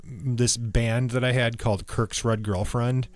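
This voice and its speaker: A man's voice: mid-range voice, fairly even intonation, a little slow, no room sound, clean studio sound. A man co-hosting a film podcast, chatting casually and rambling through anecdotes with easy laughs. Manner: rambling, laughs at own stories. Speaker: podcast co-host.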